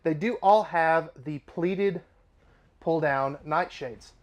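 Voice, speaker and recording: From inside a travel trailer, a man gives an upbeat, chatty RV dealership walkthrough full of casual asides. His slightly high voice is slow and a little nasal from allergies.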